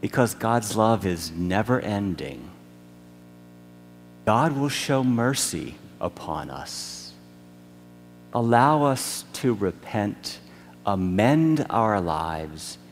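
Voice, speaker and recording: A man preaching a sermon as pastor in a church sanctuary, measured and deliberate with long pauses. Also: on the low side, sing-song, creaky, a little hiss or hum. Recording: long reverb of a large church.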